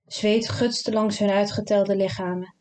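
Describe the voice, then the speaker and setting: Calm woman reading a literary novel. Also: medium pitch, measured pace. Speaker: narrator. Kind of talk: literary audiobook narration.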